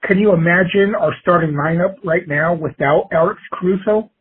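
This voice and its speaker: Husky, raspy guy on a voicemail, tinny phone sound, kinda high voice, slow halting phrases. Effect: voicemail played over a phone line. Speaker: caller leaving a voicemail. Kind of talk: opinionated fan voicemail.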